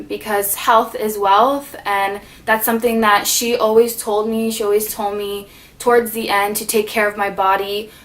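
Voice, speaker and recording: A young woman vlogging about losing her best friend, talking softly and tearfully with many pauses and fillers. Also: mid-range voice. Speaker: beauty vlogger. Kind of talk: emotional personal vlog.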